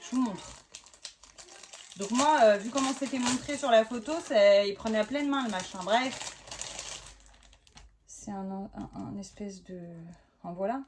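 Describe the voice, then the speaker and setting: A woman's voice: a little high, moderate pace. A woman in her thirties chatting casually as she unboxes a haul for her family vlog, exclaiming and restarting often. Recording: mic at a distance with clear background noise.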